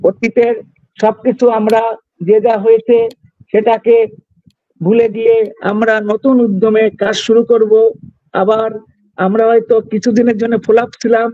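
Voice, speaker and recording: A man's voice: sits high, flat delivery, moderate pace, pauses often, warm tone, no room sound. A man speaking earnestly as a guest on a talk show, insisting on finishing his point. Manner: earnest, insistent, keeps talking over the host. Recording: dull lo-fi sound.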